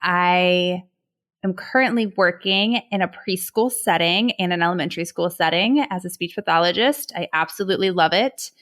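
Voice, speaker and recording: A woman's voice: fairly low pitch, normal speed, fairly bright tone. A woman in her thirties from Ohio, co-hosting a casual podcast, chatty and enthusiastic, often laughing. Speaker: podcast co-host. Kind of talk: casual chat among friends.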